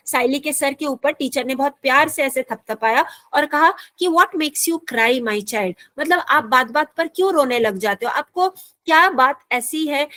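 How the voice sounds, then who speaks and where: High-voiced patient woman teacher. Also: a bit bright, no echo. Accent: Indian English. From India. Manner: patient, repeats and rephrases often; slows down sharply to read English lines. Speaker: English teacher. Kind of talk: explaining a school English lesson in Hindi.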